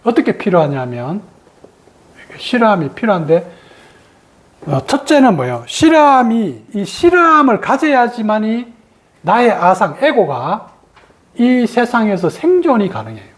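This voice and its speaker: A woman meditation teacher gives a dharma talk and acts out the ego's sudden refusals in a lively way. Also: mid-range voice, normal speed.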